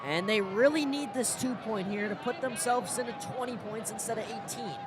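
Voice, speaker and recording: A man calling a high school football game live as the play-by-play commentator. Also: moderate pace. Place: outdoor football stadium. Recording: noisy outdoor stadium, loud crowd.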